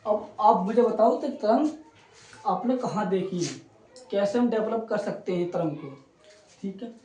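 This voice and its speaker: Young male physics tutor, chatty and reassuring, warm low tone, off-mic in an echoey room. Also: measured pace, recorded from a distance. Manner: chatty, repeats "ठीक है" and checks on students. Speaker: polytechnic physics teacher. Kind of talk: online coaching lecture. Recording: roomy echo, voice away from the mic.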